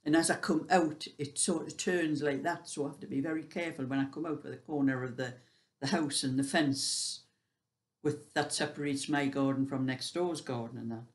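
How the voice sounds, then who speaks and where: A woman's voice: sits low, fairly even intonation, normal speed. An elderly British woman of seventy-five chatting casually, telling everyday stories in a rambling, conversational way. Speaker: vlogger sharing everyday life. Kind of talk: casual chat.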